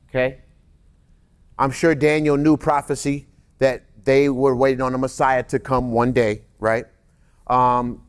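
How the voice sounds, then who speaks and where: A man teaching a sermon in a casual, conversational way, joking with the congregation and reading scripture slowly. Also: medium pitch.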